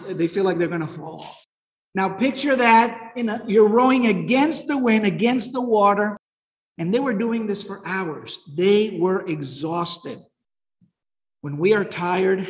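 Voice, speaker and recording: A man teaching a Bible lesson in a conversational way, often asking listeners questions and retelling the story with energy. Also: high-pitched. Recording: echoey hall.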